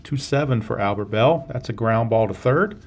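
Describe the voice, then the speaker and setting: A man's voice: medium pitch, normal speed, background noise. A man giving play-by-play commentary on his own tabletop baseball game, steadily explaining each roll and correcting himself now and then.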